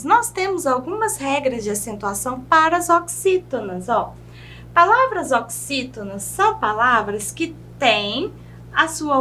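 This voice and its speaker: A Brazilian woman teacher giving a video grammar lesson, drawing out example words slowly and checking in with her class. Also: high voice, pushed and bright, a little hiss or hum. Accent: Brazilian Portuguese. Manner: slow, drawn-out pronunciation of example words; checks in with "né?" and "certo?".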